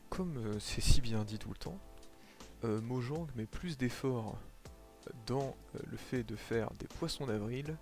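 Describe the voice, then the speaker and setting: Guy streaming a game, mid-pitch voice, chatty, lots of ums, faint music behind. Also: a little slow, a little mellow. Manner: chatty, many fillers, explains as he plays. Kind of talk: casual gameplay commentary.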